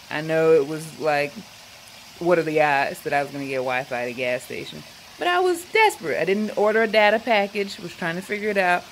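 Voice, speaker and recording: A woman telling a personal travel story in a casual, animated way, acting out the people she meets. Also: deep voice, slight background noise, poor audio.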